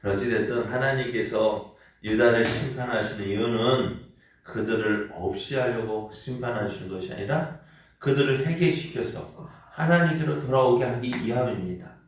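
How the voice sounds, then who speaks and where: A man's voice: medium pitch, normal speed. A man pastor giving an early morning sermon in a conversational way, often asking the congregation questions. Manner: acts out quoted parents with shouted lines. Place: church sanctuary. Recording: very echoey room, mic at a distance.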